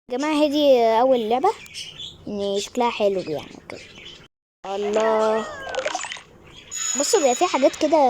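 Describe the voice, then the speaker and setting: Excited Egyptian woman, high and fast. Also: slight background noise. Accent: Egyptian Arabic. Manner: excited, chatty, scolding kids aside. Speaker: gaming YouTuber. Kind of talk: casual gameplay commentary.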